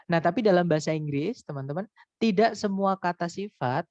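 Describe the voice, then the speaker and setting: A man's voice: sits high, brisk, a little mellow, no echo. A man teaching English grammar in a recorded online lesson, explaining patiently and repeating his points. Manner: patient, repeats points and says "teman-teman" often. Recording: dry, slightly dull recording.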